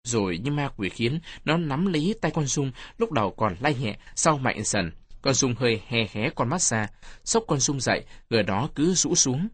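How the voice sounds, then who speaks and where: A man reading a first-person children's story aloud in an expressive audiobook narration. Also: mid-range voice, normal speed, breathy edge, dry recording. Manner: expressive reading with changing voices.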